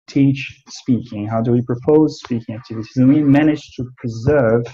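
Dark, husky man, dull lo-fi call. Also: mid-range voice, normal speed. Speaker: interviewer, host. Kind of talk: conversational interview questions. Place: small room with bookshelf, indoors. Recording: dull, lo-fi video call audio.

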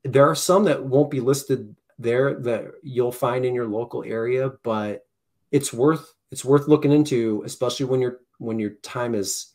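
This podcast guest, a man in his thirties, has a medium-pitched, somewhat dark voice with a steady tone and moderate pace. Speaking through a headset and desk mic on a video call from a poster-lined room at home, he chats casually but rambles, restarting and self-correcting often.

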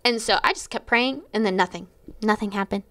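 A woman's voice: mid-range voice, fairly quick, bright, forceful tone, dry recording. A woman in her twenties, a missionary guest, telling a personal story in an earnest, chatty way with frequent laughs and fillers. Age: 20s.

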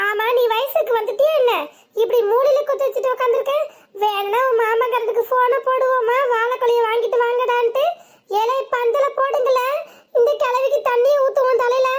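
A sharp-tongued village daughter-in-law in a cartoon, played by a woman, with a broad Tirunelveli Tamil accent. Her voice is extremely high-pitched and shrill. She taunts and orders people around in a mocking, scolding way. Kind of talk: cartoon voice acting.

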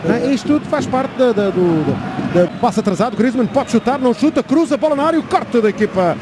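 A man with a European Portuguese accent giving fast, dramatic, excited football play-by-play commentary with urgent calls. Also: extremely high pitch. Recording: clear outdoor stadium noise behind. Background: stadium ambience.

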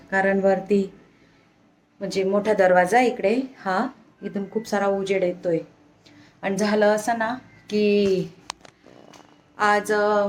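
Filming on a hand-held phone, a young woman talks chattily and directly to the viewers of her home vlog, sometimes coaxing her child in a sing-song tone. Her voice is medium-pitched, and the audio carries a little hiss or hum.

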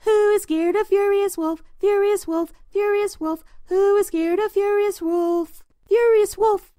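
A woman voicing three little pigs who chant and refuse the wolf in a high, loud sing-song. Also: expressive, takes it slowly, dry recording, heavily acted. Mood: taunting. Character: three cheeky little pigs, small and defiant. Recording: dry close recording.

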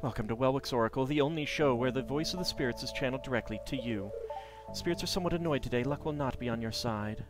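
A man's voice: mid-range voice, fast, music in the background, lightly acted. A man voicing a video game's television fortune teller who channels spirits and announces omens. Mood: mystic, foreboding. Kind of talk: fortune teller broadcast, read from a game.

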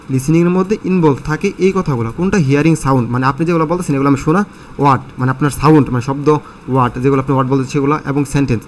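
A man's voice: on the high side, a little hiss or hum. Man teaching English in class. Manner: conversational, asks students questions, many fillers. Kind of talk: explaining a lesson in Bengali mixed with English.

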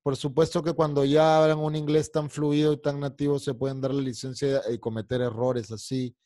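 A man's voice: mid-range voice, flat delivery, normal speed, dark tone, no room sound, studio quality. A man teaching an online English class, explaining in Spanish and drilling pronunciation by singing along to lyrics. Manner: irritated, scolding a heckler.

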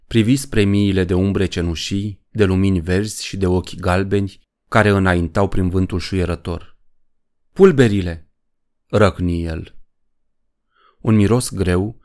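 Male narrator, horror audiobook, low voice, measured, dramatic. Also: darkish tone.

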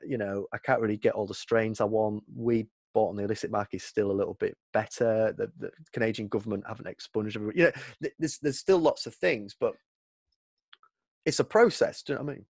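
Halting Northern English man. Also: fairly low pitch, vocal fry, a little mellow, dry recording. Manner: halting, repeats words, restarts often. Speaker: guest, policy advocate. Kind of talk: casual interview chat.

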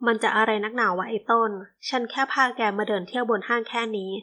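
A woman's voice: on the high side, steady tone, fast, sharp tone. A woman reading the part of a teasing, easygoing young playboy in an audiobook.

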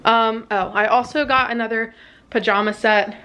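A woman's voice: fairly high pitch, fairly even intonation, normal speed, sharp tone, clean tone. A woman in her twenties chatting casually in a home vlog, saying "like" and "um" a lot and laughing often, filmed in her kitchen. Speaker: vlogger. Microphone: phone camera.

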